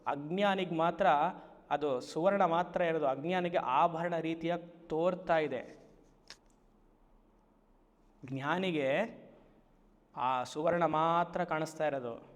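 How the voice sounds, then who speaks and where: A man, a spiritual teacher giving a Vedanta discourse, who stretches key phrases slowly and keeps asking his listeners rhetorical questions. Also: a little high, long reverb tail, lo-fi sound. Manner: slow, drawn-out emphatic phrases and frequent rhetorical questions.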